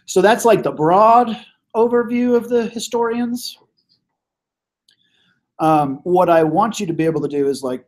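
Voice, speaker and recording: A male teacher who is losing his voice leads a casual classroom review, full of fillers and throat clearing. His pitch is fairly high and his tone a little mellow.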